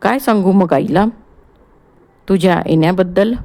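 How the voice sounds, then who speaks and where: A woman's voice: on the low side, normal speed, mellow, natural voice. A woman voicing a cold, needling young man in an audiobook play reading. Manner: cool and needling.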